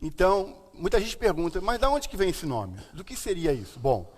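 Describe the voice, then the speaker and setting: A man's voice: sits high, sing-song, moderate pace. A Brazilian man with a lisp and slushy s sounds, teaching the Bible informally as a pastor hosting a live stream. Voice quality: lisp from a tied tongue, slushy s. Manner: explanatory, repeatedly checking with "né". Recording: long hall-like reverb.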